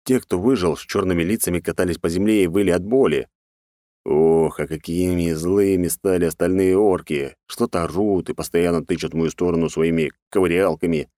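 A man narrating a first-person fantasy audiobook in a sardonic, rough-edged, casually swearing manner. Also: low voice, fairly quick, dark tone, no echo, studio quality.

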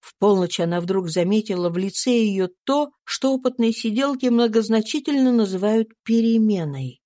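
A woman reading a classic novel aloud as an audiobook narrator, in a slow, solemn, deliberate way. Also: medium pitch, lively intonation, dark tone, no echo, clean studio sound. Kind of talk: scripted literary narration.

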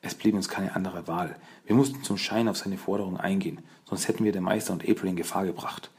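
A man voicing a calm, brainy young male turtle in an audiobook, speaking in a slow, hushed way. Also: low-pitched, breathy edge. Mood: hushed careful.

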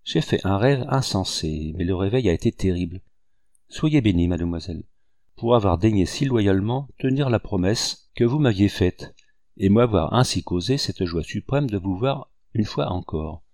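Bitter proud rebel commander, low grave voice, dry sound, as a man reads him. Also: animated, moderate pace, darkish tone, no room sound.

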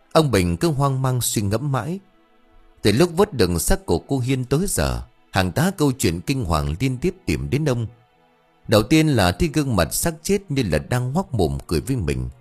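A man tells a scripted horror tale in a low, husky voice that leaps wildly up and down in pitch. His delivery swings between loud, sharp rises and hushed drops. Soft music plays faintly behind him. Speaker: storyteller. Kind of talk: scripted horror story narration.

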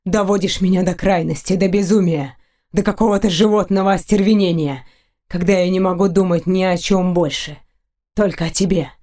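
A woman voicing a brooding young male dark knight in an audiobook, hoarse and growling, speaking low and breathy. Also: fairly even intonation, moderate pace, lightly acted. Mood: husky, passionate. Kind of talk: audiobook character voice.

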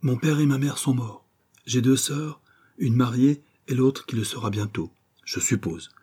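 A man reading an audiobook, voicing a rough, earnest young sailor who is self-conscious about his speech. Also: mid-range voice, a little slow, warm tone, voice pushed up.

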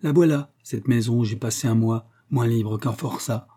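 A man's voice: medium pitch, moderate pace, dark tone, slightly rough, natural voice. A man reading the part of a cheerful young male servant, eager and exclamatory.

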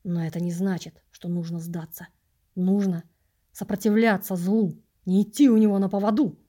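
A woman reading an audiobook, voicing a patient, wise male vagrant mentor in a measured, instructive way. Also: medium pitch, fairly even intonation, mellow, close to an everyday voice. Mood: reflective.

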